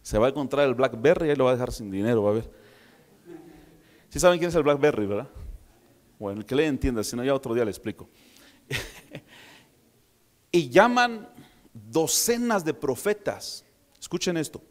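A male pastor from preaches to his congregation, telling the story with vivid acted-out moments and joking asides. His voice sits at an ordinary middle pitch. It rings out with the long reverb of a church hall. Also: lively intonation, moderate pace, pauses often. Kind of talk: sermon.

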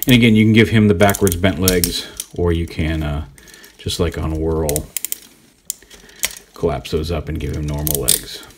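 Low-voiced man casually reviewing a toy. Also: normal speed, slight background noise. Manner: relaxed, rambling, thinks aloud while handling the toy. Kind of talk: casual hands-on product review.

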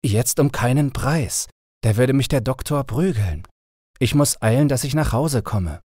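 A man's voice: mid-range voice, expressive, measured pace, mellow, slightly rough, no room sound, studio quality, voice pushed up. A man voicing a homesick, pleading young boy in a storybook reading, with an earnest, plaintive manner. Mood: anxious.

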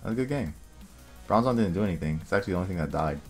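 A young man casually commentating his own online game, thinking aloud and muttering quick asides to himself. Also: low-pitched, lively intonation. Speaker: gaming video creator. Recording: faint music underneath.

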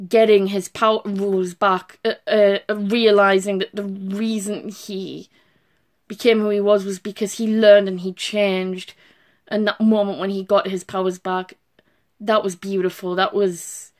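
A young adult woman with a medium-pitched voice has just been crying and gushes emotionally, restarting and trailing off mid-thought. She's filming a casual video review to camera in a small bedroom at home, holding her phone at arm's length.

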